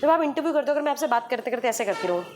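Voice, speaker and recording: Radio jockey lady, kinda high voice, explains things slow and patient with examples, little bit of background hum. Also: expressive. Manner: explains patiently with examples, mixes in English phrases. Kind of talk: podcast interview conversation.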